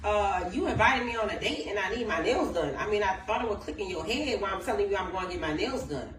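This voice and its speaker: A woman's voice: medium pitch, expressive, fast, a crowd in the background. Sassy woman, echoey and distant. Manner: sassy, mocking, laughing often. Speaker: date caller. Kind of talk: casual phone conversation.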